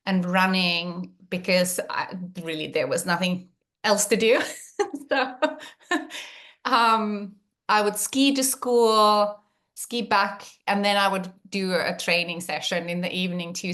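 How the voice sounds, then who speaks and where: Casting: woman from Finland, slow and friendly podcast guest. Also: medium pitch, fairly bright tone. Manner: friendly, thoughtful, many ums. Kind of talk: interview answers.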